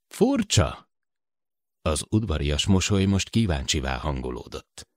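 A man narrating an audiobook in a measured, expressive reading. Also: a bass voice, no room sound, studio quality. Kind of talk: scripted narration.

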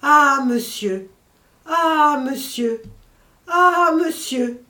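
A woman's voice: a little high, animated, a little slow. A woman reading an audiobook voices a distraught male household servant, wailing his exclamations. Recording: roomy echo.

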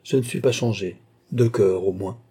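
A man's voice: on the low side, normal speed, mellow, husky. A man reading an audiobook who plays an earnest, modest young soldier in a restrained, serious way. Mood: earnest, grave.

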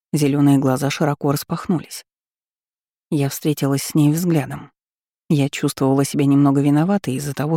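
A woman narrating a novel in the first person, calm and even. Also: low-pitched, dry recording, clean studio sound. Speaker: audiobook reader.

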